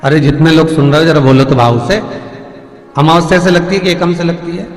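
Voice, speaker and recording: A man's voice: on the high side, brisk. A man giving a devotional sermon, asking the audience questions and counting off the days one by one. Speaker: religious storyteller preacher. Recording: echoey hall with music behind.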